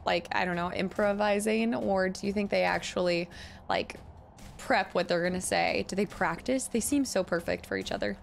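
A woman's voice: medium pitch, animated, normal speed, vocal fry, slight background noise. A young adult woman streamer giving casual, chatty game commentary and thinking aloud in a room at home. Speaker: gaming streamer. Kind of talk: casual let's play commentary.

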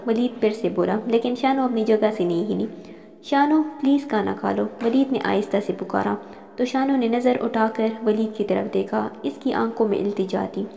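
A woman narrating a romance novel in a steady, measured storybook style. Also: fairly high pitch, vocal fry. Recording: long reverb.

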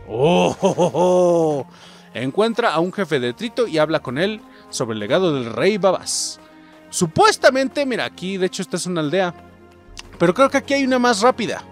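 A young Mexican-accented man narrating his gameplay with a lively voice that swings up and down, sitting a little high. He jokes, swears casually and keeps calling out to his viewers. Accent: Mexican Spanish. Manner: excitable, jokey, swears freely, talks to viewers as muchachos. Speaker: gaming streamer. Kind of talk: casual let's-play commentary.

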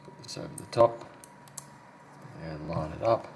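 A phone repair technician who hosts videos talks casually and off the cuff at an indoor repair bench, now and then muttering to himself. His voice rumbles low at a measured pace, with clear background noise.

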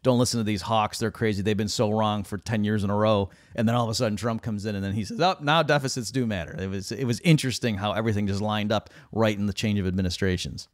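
Discussing economics in a relaxed way, this middle-aged economist guest rushes along with barely a pause, mocking those he quotes with a raised voice. He's in a small room on a video call, using a studio mic on a boom arm, and there's no room sound.

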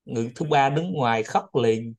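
A man's voice: medium pitch, normal speed, a little mellow. A man hosting a study group, chatting casually and rambling, often repeating his words.

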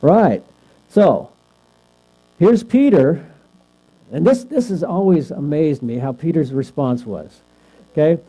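A man teaches a Bible class slowly, leaving long pauses, his fairly high voice expressive and dark in tone. The class is conversational: he asks questions often and checks in with "right?". The recording is lo-fi, with mains hum.

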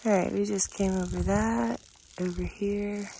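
A woman's voice: medium pitch, steady tone, unhurried, gravelly, mellow, slight background noise. Chatty breathless woman hiking a trail. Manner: chatty, upbeat, talks while climbing. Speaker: thru-hiker vlogger. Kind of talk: casual hiking vlog. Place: outdoors on a mountain trail.

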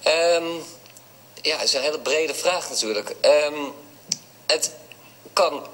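A man's voice: fairly high pitch, slow, fairly bright tone, poor audio. Hesitant man with a stutter. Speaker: interview guest. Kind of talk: radio interview answers.

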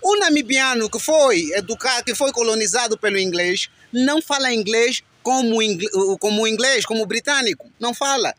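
A man's voice: extremely high pitch, animated, moderate pace, hardly any pauses, a bit bright, dry recording. A young Angolan man with an Angolan Portuguese accent, giving an impassioned, exhorting monologue, repeating his points. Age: young adult. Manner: preachy, repetitive, exhorting. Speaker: commentator.

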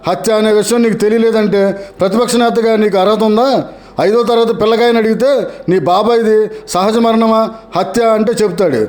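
A man's voice: sits high, a little mellow. A man narrating scripted political commentary in a sarcastic, mocking tone, repeating taunts.

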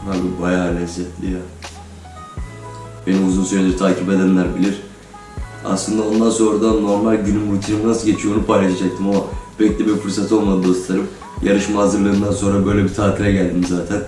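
A man's voice: deep voice, mellow. A man chatting casually to his viewers in a vlog, his voice sounding a little robotic from being under the weather. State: slightly robotic-sounding voice from a recent illness. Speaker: vlogger. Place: indoors in a holiday flat, at table and kitchen. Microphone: camera on a tripod, some distance away. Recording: roomy echo, distant mic, music underneath. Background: music.

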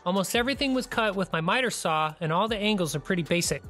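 Calm, practical DIY tutorial narrator. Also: mid-range voice, quick pace, faint music behind. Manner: plain, practical step-by-step explaining. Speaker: DIY channel host. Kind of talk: scripted tutorial voice-over.

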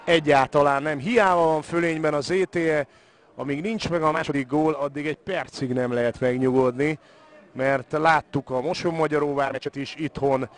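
A man provides live commentary on a football match. He names the players on the ball and adds analysis between moves. His voice is a little higher than most men's. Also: steady tone. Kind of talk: live sports commentary mixing play-by-play and analysis.

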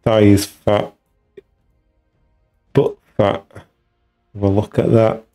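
A man's voice: lowish voice, flat delivery, extremely slow, warm tone, soft background music. A man giving casual, musing commentary while streaming a video game, talking half to himself as he tinkers with settings.

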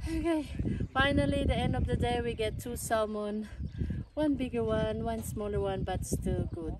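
This vlogger, a woman in her forties, has a slightly high voice and talks at normal speed as she records a laid-back fishing video by a canal. Her phone is held out at arm's length, and her chatty delivery is full of fillers over heavy outdoor noise.

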